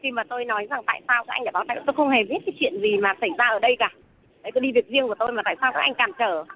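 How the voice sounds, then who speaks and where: A woman from Vung Tau who is calling in as a protester and telling her story in an agitated, rambling way. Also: a little high. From Vung Tau, southern Vietnam. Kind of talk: phone interview. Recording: tinny phone line with faint noise.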